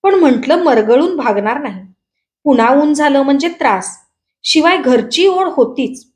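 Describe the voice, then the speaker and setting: A woman reading a rural story aloud with a Marathi accent, in steady first-person storytelling narration. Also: high-pitched, unhurried. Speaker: story reader.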